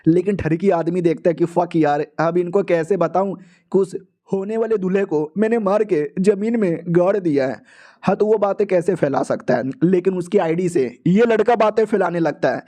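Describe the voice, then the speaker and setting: Man, comic recap narrator, slangy, chatty, mellow tone. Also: high-pitched, moderate pace. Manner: slangy, chatty, laughs along. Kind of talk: casual comic storytelling.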